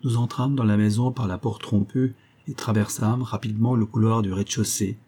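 A man reading a literary travel story as an audiobook narrator, in a measured storytelling manner. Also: fairly low pitch, steady tone, mellow, slightly rough.

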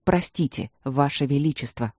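A narrator playing a loyal, devoted male guard captain who speaks slowly and earnestly. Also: mid-range voice, a little mellow, dry recording, studio quality, natural voice.

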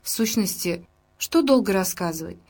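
A man's voice: high voice, expressive, normal speed, a little mellow, husky, full character voice. A woman voicing an indignant elderly grandfather who reproaches others sternly. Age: older.

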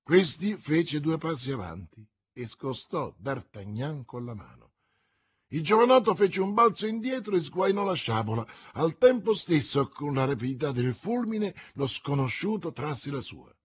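A man with a husky voice narrating a classic novel aloud in a measured, dramatic storytelling manner. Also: on the high side, big pitch swings. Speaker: audiobook narrator. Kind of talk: scripted literary narration.

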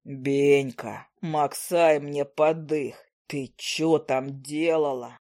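A woman voicing a rough, cheerful man who talks in coarse folksy slang, with a blunt, drawling manner. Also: a little high, steady tone, extremely slow, darkish tone, voice pushed down. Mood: teasing.

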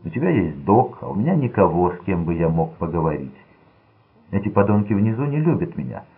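Man playing a brooding unstable young thug, sulky, menacing, deep husky voice, tinny audio. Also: big pitch swings, fairly quick, full character voice. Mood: sullen. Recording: tinny lo-fi narrow-band audio.

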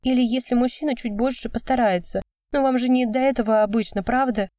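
A woman's voice: a little high, brisk, mellow, dry recording, studio quality, far from the mic, voice pushed up, lightly acted. A woman voicing a young woman who is upset and pleading with her lover, speaking emotionally. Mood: bitter. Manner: emotional, cries out then pleads.

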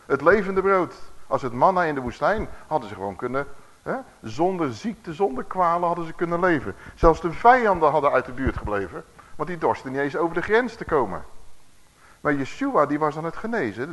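Animated man preaching a sermon. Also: on the high side. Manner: animated, asks the listeners questions, reads verses slowly. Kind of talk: sermon with Bible reading.

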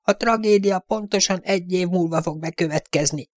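A man voicing a small, wizened male fortune-teller with a thin, squeaking voice and an eerie, ominous manner in an audiobook. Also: no room sound, clean studio sound, lightly acted. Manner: murmuring, ominous.

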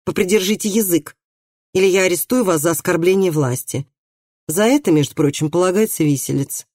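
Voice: mid-range voice, wildly swooping pitch, normal speed, darkish tone, husky, no echo, full character voice. Brief: reader doing bossy bailiff, curt orders, dry close sound. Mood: stern. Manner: curt, commanding. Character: stern, pompous royal bailiff obsessed with witchcraft.

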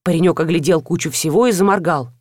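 A woman narrating a first-person story in an expressive audiobook reading. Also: on the low side, quick pace, no echo, clean studio sound.

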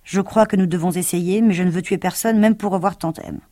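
Sad little girl, a woman reads her, tearful, soft, storybook. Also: on the low side, fairly even intonation, brisk, dry recording, studio quality, close to an everyday voice.

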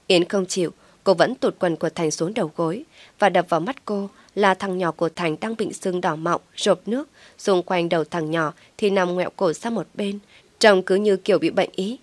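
Woman reading a story out, steady, low-ish voice, dead dry sound. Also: normal speed, no echo. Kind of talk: scripted story narration.

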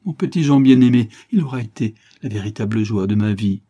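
A man voicing a gentle, sorrowful young mother who speaks softly and pleadingly. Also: on the low side, expressive, a little fast. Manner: soft, pleading, emotional.

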